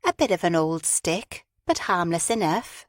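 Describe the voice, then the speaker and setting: A woman's voice: fairly low pitch, sing-song, measured pace, dry recording, studio quality. A woman voicing a frank, chatty friend. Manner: frank, teasing, talkative.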